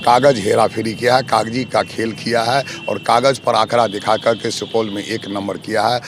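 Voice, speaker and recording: A man running as a local election candidate, answering interview questions in a forceful, accusatory way, piling up lists of grievances. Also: on the low side, steady tone, moderate pace, noisy background.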